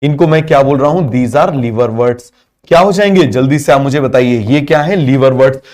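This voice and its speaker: Talking fast in a slightly high, darkish voice, a man teaches biology in Hindi sprinkled with English terms. He fires off questions constantly and gets the students to echo their answers back.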